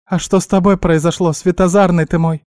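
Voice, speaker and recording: A squeaky, fussy little guinea pig lady, as a man puts her on, loud and quick to scold. Her voice sits far above a grown man's and stays dark and dry, like a storybook pet with a big temper. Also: level tone, no echo, lightly acted. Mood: exasperated. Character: bossy shrill female magic guinea pig familiar. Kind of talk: audiobook character voice.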